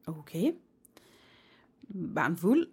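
A woman's voice: lowish voice, sing-song, slightly rough. Teasing woman radio host. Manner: teasing, quick quips. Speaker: podcast co-host and radio presenter. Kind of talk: casual chat.

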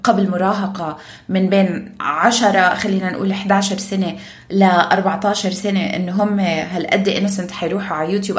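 A woman podcast host with a Levantine Arabic accent, speaking emphatically and conversationally, with some English words mixed in. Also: medium pitch. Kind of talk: conversational parenting discussion.

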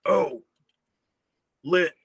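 A man's voice: very slow, a bit bright, no room sound. A young man running a tabletop game as dungeon master, joking and rambling. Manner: joking, rambling, self-mocking.

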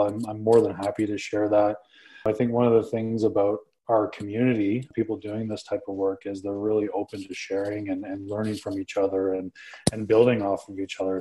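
A man answering interview questions as a panel guest over a video call, relaxed and thoughtful. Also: fairly low pitch, rough recording. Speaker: panel guest, digital museum leader.

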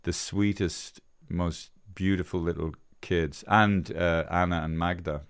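A man with a very low voice hosts a relaxed podcast chat at the microphone. He rambles, restarting sentences and repeating words as he goes. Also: unhurried, clean tone, dry recording, studio quality. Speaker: podcast host. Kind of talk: casual chat.

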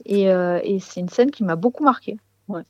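A woman musician talks casually in an interview, pausing often as she hesitantly searches for the right word. Her voice is average in pitch with a dark tone, and the sound is very dry, a little dull, with no echo.

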